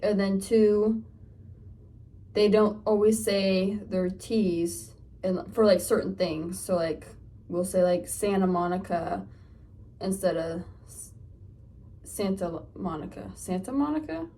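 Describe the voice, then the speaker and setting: Getting ready at home for a get-ready-with-me vlog, a young Northern Californian woman with a local accent rambles chattily, filling her speech with fillers. Her mid-range voice has a dark tone, slow and full of pauses, and sounds somewhat distant from the phone camera.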